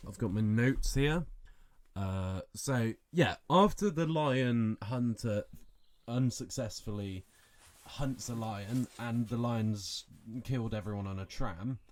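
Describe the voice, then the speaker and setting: A man co-hosting a podcast, retelling movie scenes in an animated, incredulous way. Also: medium pitch, slow pace. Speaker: podcast co-host. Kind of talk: casual film review chat.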